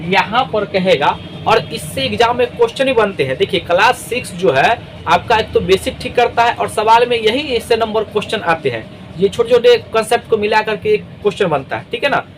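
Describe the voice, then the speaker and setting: High-voiced male math teacher, patient. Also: animated, a little hiss or hum, rough recording. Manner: patient, step-by-step explaining, often checks with "ठीक है ना"; reads digits out slowly one by one. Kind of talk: classroom math lesson.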